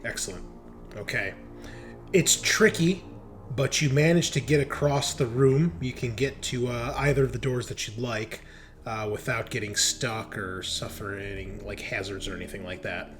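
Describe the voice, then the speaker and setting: A man with a medium-pitched, slightly bright voice acts as game master for a tabletop roleplaying game, with soft music playing in the background. He describes the scenes haltingly, improvising as he goes.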